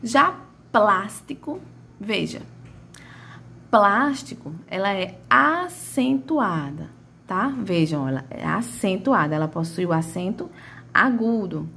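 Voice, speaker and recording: A woman's voice: medium pitch, expressive, slow, vocal fry, fairly bright tone, slight background noise. A woman teaching a grammar lesson, stretching out and calling out example words as she explains.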